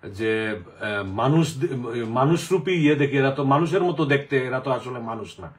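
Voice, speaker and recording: A man's voice: mid-range voice, animated, normal speed. A middle-aged man from the Sylhet region, chatting casually in a rambling way with many fillers. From Sylhet region, Bangladesh. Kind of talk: casual chat.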